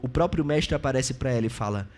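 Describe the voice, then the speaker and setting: A man with a Brazilian accent preaching a sermon as pastor, shifting between loud exclaiming and hushed, intimate asides. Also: medium pitch, fast, soft background music. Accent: Brazilian Portuguese.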